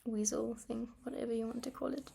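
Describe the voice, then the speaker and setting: Stamping and sketching at her desk, a young woman whose first language is Afrikaans rambles about her art in a relaxed vlog, full of ums and quiet laughs. Her slightly high voice barely moves in pitch and is brisk, creaky, dark, and a bit rough.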